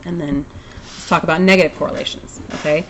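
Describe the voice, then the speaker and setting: A woman's voice: deep voice, fairly even intonation, fast talker, slight background noise, poor audio. A woman teaching a recorded math lesson, chatty, with self-deprecating asides.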